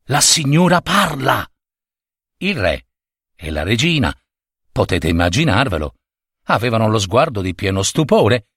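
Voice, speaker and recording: A man narrating a fairy tale expressively, with pauses and rising emphasis. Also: on the low side, sing-song, breathy edge, dry recording, clean studio sound. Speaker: storyteller.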